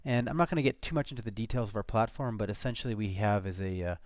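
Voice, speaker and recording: A man with a voice on the low side gives an informal screencast walkthrough of a software demo, talking casually and haltingly as he thinks aloud. The sound is clean studio audio with no echo.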